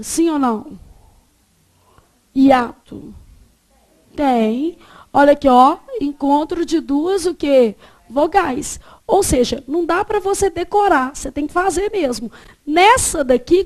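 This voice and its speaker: Brazilian woman, teacher, high voice, classroom lesson that quizzes the students as it goes. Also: darkish tone. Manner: quizzing students with repeated check questions. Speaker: Portuguese teacher.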